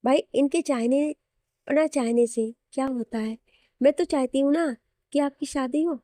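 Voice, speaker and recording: A woman voicing a gentle, bashful young bride. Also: high-pitched, normal speed, no echo, clean studio sound, lightly acted. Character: shy, loving young bride.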